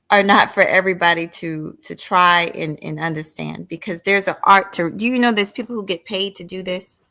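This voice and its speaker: A woman's voice: medium pitch, vocal fry, pushed and bright. A middle-aged woman hosting a casual late-night livestream. She talks straight to her viewers, reads their comments aloud and gives firm opinions. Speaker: livestream host.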